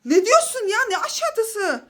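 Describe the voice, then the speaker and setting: A mother in her thirties films a family vlog, talking to her kids and viewers in a playful, coaxing way. Her voice sits very high and she exclaims often. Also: sing-song, normal speed, very noisy. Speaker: mother and vlogger.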